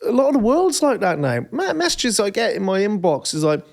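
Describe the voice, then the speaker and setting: A man's voice: high voice, big pitch swings, a little fast, vocal fry. A man co-hosting a podcast, talking reflectively about change and teasing his co-host. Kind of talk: casual chat.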